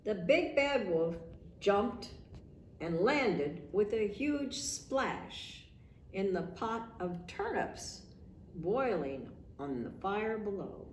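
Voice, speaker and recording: Slow, expressive woman storyteller. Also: medium pitch, recorded from a distance, a little hiss or hum. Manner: expressive, unhurried read-aloud. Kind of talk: storybook narration for children. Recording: echoey room.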